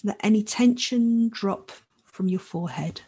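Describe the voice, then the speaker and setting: A woman leading a guided meditation in a soft, soothing, measured voice with long pauses. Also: medium pitch, breathy edge. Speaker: podcast host leading a meditation.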